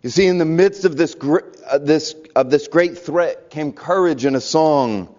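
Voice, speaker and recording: Earnest preacher in a dull lo-fi recording. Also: male voice, fairly high pitch, measured pace. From American South. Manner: earnest preaching, drops to a hush for emphasis. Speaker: pastor. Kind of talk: sermon.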